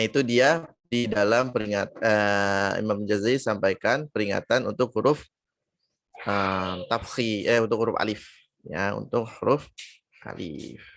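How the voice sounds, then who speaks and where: Slow, patient male recitation teacher. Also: fairly low pitch, fairly even intonation, fairly bright tone, no room sound. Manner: explains patiently, drawing out and repeating sample syllables. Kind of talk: online tajwid lesson.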